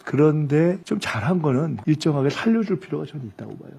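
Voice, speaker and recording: Gravelly, mellow-voiced man. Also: on the high side, big pitch swings, quick pace. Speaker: government official. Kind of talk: formal meeting remarks.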